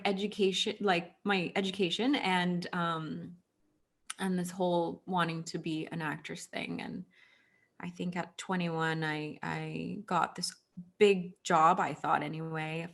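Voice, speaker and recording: Here a former actress from Houston, in her thirties, is a chatty interview guest sharing personal anecdotes, peppering them with "like" and "you know." Her pitch is fairly low, yet her tone comes across fairly bright.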